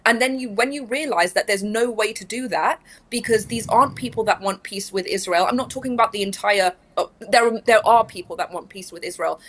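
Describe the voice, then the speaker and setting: A woman's voice: medium pitch, fairly quick, hardly any pauses, a bit bright. A young adult woman from Iran, a lawyer speaking as a guest in an interview, talking earnestly and emphatically. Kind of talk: interview conversation.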